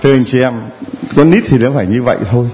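A man's voice: mid-range voice, quick pace, noisy background. A man, a priest giving a sermon to his congregation with rhetorical questions and repetition.

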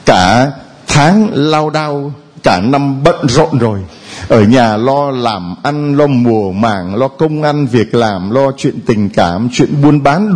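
Animated preaching man, lively pitch. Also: husky. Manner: lively, animated preaching with sung snatches and mimicked voices. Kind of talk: sermon at a retreat.

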